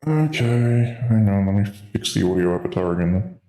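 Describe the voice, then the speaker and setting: A man's voice: on the low side, lively intonation, a little fast, warm tone, echoey room. A man talking through a voice changer, casual and wisecracking, joining a live reenactment reading. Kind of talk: casual joking chat.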